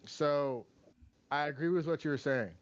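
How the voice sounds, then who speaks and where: A man's voice: fairly high pitch, moderate pace, no room sound. A man talking casually over a video call, his voice breaking up on a bad internet connection and restarting to get his words in. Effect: voice cutting out over a bad internet connection. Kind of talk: casual group chat. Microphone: computer over a video call. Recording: dull lo-fi online call audio.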